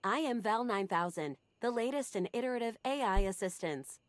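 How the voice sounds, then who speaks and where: A woman's voice: on the high side, lively intonation, normal speed, dry recording, close to an everyday voice. A woman voicing a female AI assistant in a video game, speaking in a stiff, formal, robotic way. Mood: polite, formal.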